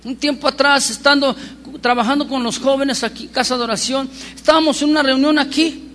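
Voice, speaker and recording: A man preaching a sermon as pastor, telling stories with lively emphasis and asking the congregation rhetorical questions. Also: very high-pitched, fairly quick. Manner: animated storyteller with rhetorical questions.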